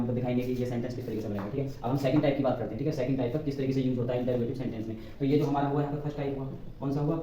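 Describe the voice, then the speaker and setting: Fast-talking man teaching grammar in a roomy space. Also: medium pitch, mellow, recorded from a distance. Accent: Hindi. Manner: repeats "ठीक है" constantly, dictates sentences slowly. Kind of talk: board lesson explaining grammar. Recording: roomy, off-mic, faint background noise.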